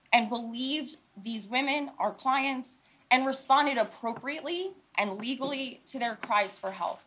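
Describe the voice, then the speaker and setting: Speaking at a news conference, a Philadelphia woman lawyer reads a prepared statement, deliberately and emphatically driving her points home with short, repeated phrases. Her voice is a little high and a bit bright, captured on a rough recording.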